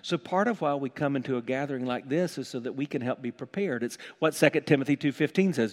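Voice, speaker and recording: A middle-aged pastor preaching a sermon in a church, his voice swelling from quiet to loud. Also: medium pitch. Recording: long hall reverb.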